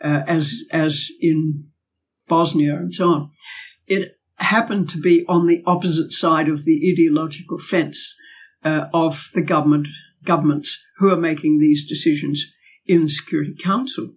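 With a low, husky voice, steady tone, and moderate pace, an Australian woman makes a pointed case as a guest in a podcast interview. A former diplomat and academic, she speaks emphatically and poses rhetorical questions.

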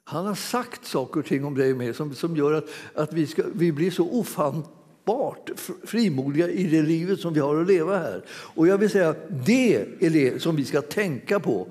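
A man preaching in a reverberant hall, his voice a little higher than usual for a man. He talks in a loose, chatty way, laughs often as he tells his story, and restarts his sentences again and again. His delivery stays casual, like a conversation with the congregation. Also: lively intonation, darkish tone. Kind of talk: sermon.

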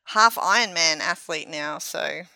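Female co-host, bright tone, playful banter. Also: sits low, gravelly, low-quality recording. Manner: playful, teasing, quick reactions. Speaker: podcast co-host. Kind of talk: casual chat.

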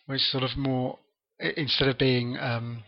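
A man's voice: medium pitch, flat delivery, unhurried, no room sound. A man co-hosting a podcast, chatting casually and rambling about a film. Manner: chatty, rambling, stumbling over words. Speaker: podcast co-host. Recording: dry, dull lo-fi podcast audio.

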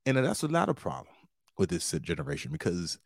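A man's voice: low-pitched, huge pitch swings, fairly quick, creaky, a little mellow, no room sound, studio quality. A man in his forties hosting a podcast alone, talking casually and with slang, like he is handing out advice. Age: 40s. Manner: slangy, big-brother advice-giving tone. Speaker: podcast host and stand-up comedian. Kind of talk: casual solo podcast monologue.

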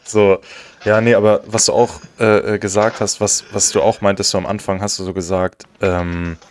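A man's voice: lowish voice, level tone, moderate pace, slight background noise. A man hosting a casual podcast interview, asking long, hesitant questions full of restarts. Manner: hesitant, many fillers and restarts while forming questions. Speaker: podcast host.

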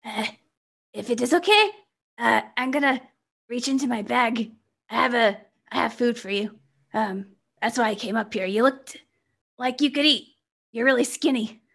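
Hesitant woman with a gravelly voice. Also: a little high, moderate pace, fairly bright tone. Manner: hesitant, giggly. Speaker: player. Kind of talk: casual game play.

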